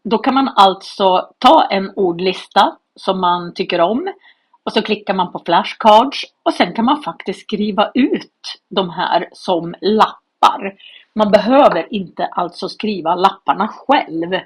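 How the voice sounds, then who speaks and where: A woman's voice: mid-range voice, animated, breathy edge. A woman explaining a study method step by step, in a practical tone.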